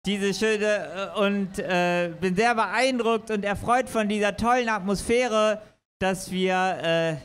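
A man's voice: high-pitched, steady tone, slow, clear, resonant tone. A man from Berlin chatting hesitantly between songs at a live outdoor concert, with frequent filler sounds. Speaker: singer-songwriter performing live. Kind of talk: stage patter between songs. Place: outdoor stage under a bridge at a street festival. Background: accordion music.

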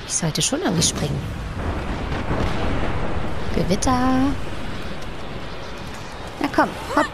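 A woman's voice: mid-range voice, creaky, background noise. A woman doing casual let's play commentary, playfully thinking aloud and exclaiming as she goes. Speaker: gaming host. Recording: game music and effects behind.

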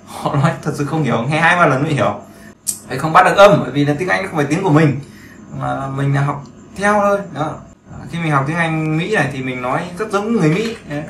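Fairly quick and fairly bright, this man's fairly high voice carries a chatty screen-share English lesson for beginners. He repeats phrases and often seeks agreement, and the recording comes from an echoey room with faint background noise.

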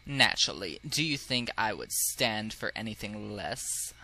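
A man voicing a haughty, snobbish noble male pigeon, speaking in a slow and lofty manner. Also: on the low side, lively intonation, sharp tone, voice pushed down, exaggerated voice, low-quality recording.

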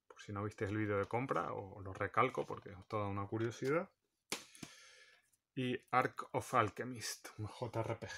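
Casual game-collector vlogger: man, lowish voice, faint hiss behind. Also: gravelly, fairly bright tone. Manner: chatty, listing titles one by one.

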